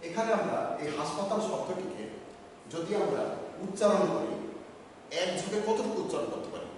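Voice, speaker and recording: A male teacher giving a slow, measured grammar lesson with pauses between words, recorded in an office room. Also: high voice, a little hiss or hum. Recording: echoey room from far off.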